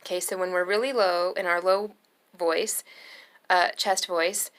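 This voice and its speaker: A young adult woman giving a singing lesson, explaining slowly and calmly between sung demonstration notes. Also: on the low side, clear, resonant tone. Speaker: singing teacher.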